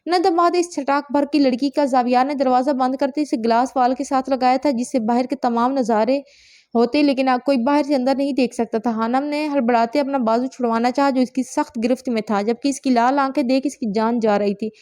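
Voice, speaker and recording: Brief: female narrator, high-pitched, steady audiobook read, voices all roles herself. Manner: reads all characters in one steady voice. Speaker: novel narrator. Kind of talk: scripted narration of a romance novel.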